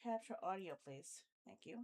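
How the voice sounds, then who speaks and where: This is casual livestream chatter from a woman getting a game ready, joking around and talking herself through setup problems. Her fairly low, darkish voice has lively intonation and moves at a moderate pace.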